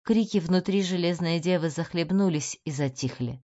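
A woman narrates an audiobook in a steady, even manner. Her voice is low, and the recording sounds dull and lo-fi. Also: moderate pace. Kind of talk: scripted narration.

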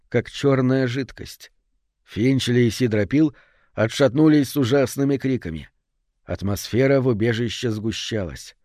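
A man reading a horror story aloud in steady, measured audiobook narration. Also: mid-range voice, dry recording, studio quality.

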